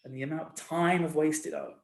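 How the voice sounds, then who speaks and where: Speaking as a guest, a forty-something record label owner chats in a laid-back, rambling, self-deprecating way. His voice sits on the high side and is creaky, brisk and fairly even in intonation, with roomy echo around it.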